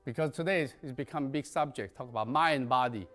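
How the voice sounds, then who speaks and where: A man's voice: mid-range voice, quick pace, fairly bright tone, faint music behind. A man, a native Chinese speaker, teaching a qigong lesson in emphatic, non-native English that drops articles and verbs. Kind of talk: lecture.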